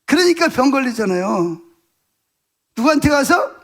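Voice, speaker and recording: High-voiced gravelly pastor preaching. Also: male voice, big pitch swings, moderate pace, a bit bright. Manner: emphatic, asks the congregation rhetorical questions; repeats words for stress, colloquial. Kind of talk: Sunday morning sermon.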